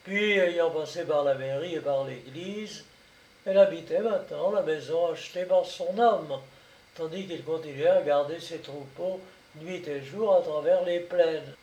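A man narrating a classic short story aloud in a measured, expressive reading. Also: a little high, distant mic. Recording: echoey room, voice set back from mic.

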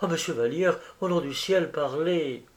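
A man's voice: a little high, moderate pace, voice pushed up, natural voice. A man reading aloud as an anguished, insistent young woman, raising his voice in pleading emotion.

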